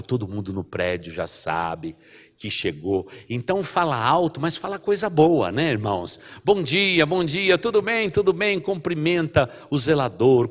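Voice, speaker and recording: A middle-aged Brazilian pastor with a fairly low voice delivers a sermon in a lively storytelling way. He speaks with a Brazilian Portuguese accent and keeps turning to the congregation with quick questions.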